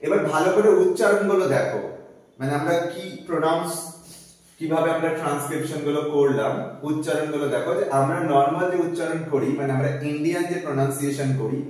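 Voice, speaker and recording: A man's voice: a little high, fast, a little mellow. A man teaching English phonetic transcription in a live class, breaking each word into single sounds and repeating it. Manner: spells out sounds one by one, repeating words. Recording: echoey room, far from the mic.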